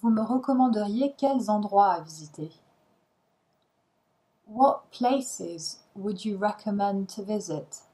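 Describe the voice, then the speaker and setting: Woman, language teacher, reading phrase pairs one by one, very slow and measured, mid-pitched. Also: expressive, mellow, rough recording. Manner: short isolated phrases, each followed by its translation.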